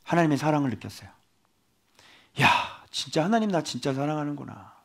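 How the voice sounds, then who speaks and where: A male pastor giving a sermon, emphatic and animated, with many rhetorical questions to the congregation. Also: a little high, brisk, vocal fry.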